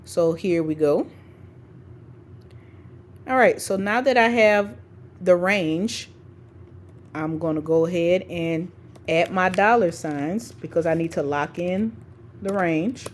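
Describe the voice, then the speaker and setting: A woman's voice: fairly low pitch, slow pace, pauses often, slight background noise. A woman teaching a screencast tutorial step by step, dictating formulas piece by piece and checking in informally as she goes. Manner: informal, checks in often with "okay" and "right". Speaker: spreadsheet tutorial instructor for educators. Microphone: screen-recording voice-over.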